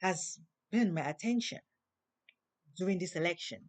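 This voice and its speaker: A woman hosting a spoken monologue in slow, preaching tones, with a non-native English accent. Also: lowish voice. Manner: slow, preaching, emphatic rises. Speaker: host. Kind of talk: inspirational monologue.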